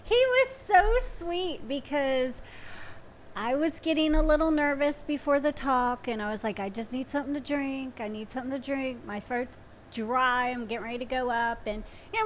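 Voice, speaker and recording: A woman with a high voice chats on a live stream, quick to laugh and toss in short reactions. Faint background noise runs under her voice. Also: poor audio. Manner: giggly, chiming in with short reactions. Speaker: aquarium channel co-host. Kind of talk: casual live-stream chat.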